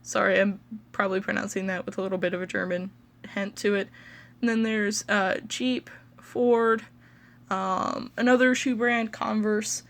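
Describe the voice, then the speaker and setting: Gravelly Midwestern American woman teaching slowly. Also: mid-range voice, fairly even intonation, fairly bright tone. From United States. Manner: slow and hesitant, many ums and pauses. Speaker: pronunciation video host. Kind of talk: casual explanatory teaching.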